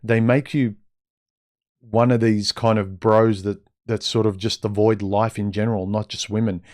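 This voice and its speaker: A man's voice: lowish voice, little pitch movement, normal speed, a little mellow. A man hosting a casual livestream monologue in a blunt, conversational way, his speech slightly impeded as if he had a mouthguard in. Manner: blunt, conversational, rhetorical questions. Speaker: livestream host giving dating advice. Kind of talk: casual opinionated monologue to live chat.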